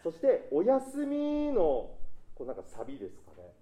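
A man's voice: fairly high pitch, wildly swooping pitch, normal speed, mellow, roomy sound, rough recording. A man coaching a choir in rehearsal, polite and encouraging, singing short phrases to show what he means. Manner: sings phrases to demonstrate. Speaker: choir conductor.

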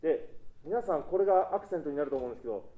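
A man coaching a choir rehearsal encourages the singers and sings short phrases to show how they should sound. His voice is a little high and warm, racing along with lively intonation in an echoey room.

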